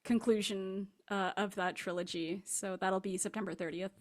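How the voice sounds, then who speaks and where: A woman guest fiction writer speaks in an interview with a steady, mid-range voice at a moderate pace. Her manner is casual and meandering, and she often downplays herself.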